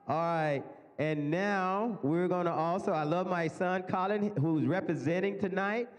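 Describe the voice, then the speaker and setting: High-pitched man with a Mississippi accent emceeing. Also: unhurried. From Mississippi, United States. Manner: repeats phrases, exhorting. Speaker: host presenting awards. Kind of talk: live event emceeing. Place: large banquet hall with stage, indoors. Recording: echoey hall over PA system.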